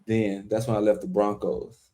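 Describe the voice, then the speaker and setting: A man in his forties, a former football player and podcast co-host, telling stories in animated casual chat with emphatic outbursts. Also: fairly low pitch, moderate pace.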